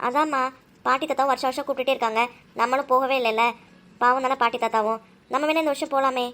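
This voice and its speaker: Woman doing a high little cartoon girl, stammery and coaxing. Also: fairly even intonation, fast, a bit bright. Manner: hesitant, stammering when caught. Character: young girl, curious and scheming.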